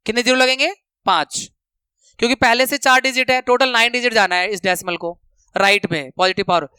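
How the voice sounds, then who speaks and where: A man teaching a maths lesson, counting steps out loud and repeating the rules for students to remember, speaking terms. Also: very high-pitched, steady tone, a little fast, smooth, no echo. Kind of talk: classroom lesson explanation.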